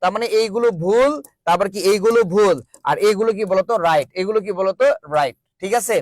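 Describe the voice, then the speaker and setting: A man with a high, quick voice leads an online grammar class. He drills his students call-and-response style, repeating each question before answering it himself. The sound is dry and close, with no room echo. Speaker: teacher. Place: virtual classroom.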